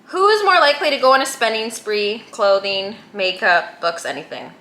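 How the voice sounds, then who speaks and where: A young woman chats casually in a tipsy, giggly way. Her voice is bright and fairly high, recorded in a roomy space with echo. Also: animated, normal speed. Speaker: co-host of a friends' Q&A. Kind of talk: casual group chat. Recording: echoey room, faint background noise.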